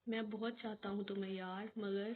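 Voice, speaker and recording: A woman's voice: medium pitch, level tone, lightly acted. A woman reading as a furious possessive young man. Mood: pleading. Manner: shouting, accusing, then pleading. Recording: tinny phone-like recording with faint hiss.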